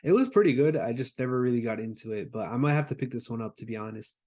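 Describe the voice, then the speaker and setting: A man's voice: medium pitch, lively intonation, fast, darkish tone. A man co-hosting a podcast, talking casually about anime with lots of fillers and restarts. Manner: laid-back, filler-heavy, explains plots with many "like"s. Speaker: podcast co-host.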